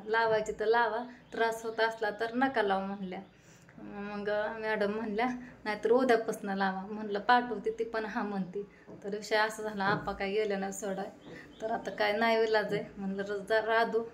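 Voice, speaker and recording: Village mom vlogging at home, chatty storytelling, bit of noise in the background. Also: female voice, mid-range voice. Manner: chatty storytelling, quoting herself and her children. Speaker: vlogger and mother. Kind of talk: casual home vlog narration.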